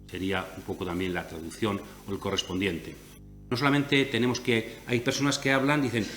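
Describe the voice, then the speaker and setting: Lecturing Spanish man in echoey hall. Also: a bit bright. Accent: Castilian Spanish. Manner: explanatory, with frequent rhetorical "¿no?" tags. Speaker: lecturer on biblical theology. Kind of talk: conference lecture. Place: conference hall. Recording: echoey hall with faint rumble.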